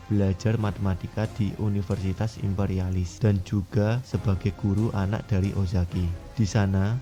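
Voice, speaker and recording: A man's voice: fairly low pitch, warm tone. A man narrating a scripted story recap in a plain, matter-of-fact way. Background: music.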